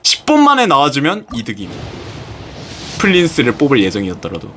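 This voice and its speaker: A young man, a YouTuber, chatting casually while playing a game, rambling to himself with sudden excited outbursts. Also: mid-range voice, brisk, background noise. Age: young adult. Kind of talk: casual game-stream chat.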